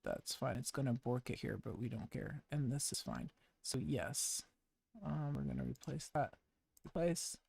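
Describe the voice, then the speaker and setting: A woman's voice: deep voice, creaky, darkish tone, no room sound. A woman live-streaming web development, muttering through each step of her code in a casual, wry way. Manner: slow, muttering, self-narrating while typing code. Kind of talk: thinking-aloud coding stream.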